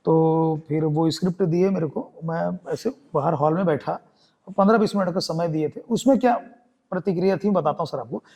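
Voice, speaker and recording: A man's voice: a little high, normal speed, mellow. A young man from Chhattisgarh with a Chhattisgarhi Hindi accent, a theatre artist telling his story in a podcast interview and acting out the voices of the people in it.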